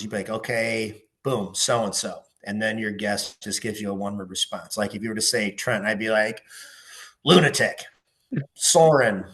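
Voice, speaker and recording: Profane, rambling man on a podcast. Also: fairly low pitch. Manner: profane, rambling storyteller with many fillers. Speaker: podcast guest. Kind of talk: casual podcast chat.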